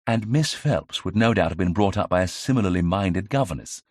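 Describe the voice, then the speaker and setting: A man voicing a young 1920s gentleman amateur detective in an audiobook, brisk and self-assured as he theorizes. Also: sits low, expressive, dry recording, clean studio sound. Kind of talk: audiobook character reading.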